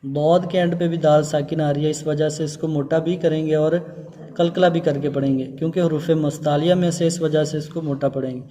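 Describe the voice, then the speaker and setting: A male Quran teacher explaining how to pronounce Arabic letters, chanting each letter slowly and drawn out between short explanations. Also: on the high side, steady tone, dark tone, long reverb tail. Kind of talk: Arabic letter pronunciation lesson.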